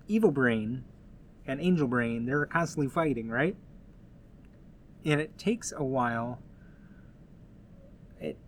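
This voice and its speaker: A man's voice: mid-range voice, a little hiss or hum. Earnest, encouraging male host. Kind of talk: casual motivational talk.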